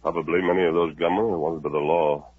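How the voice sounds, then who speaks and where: An actor playing the Lone Ranger, a calm, resolute masked hero, speaking in a steady, persuasive way in a 1950s radio drama. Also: male voice, sits low, fast talker, a little hiss or hum, natural voice. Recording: tinny narrow old radio recording.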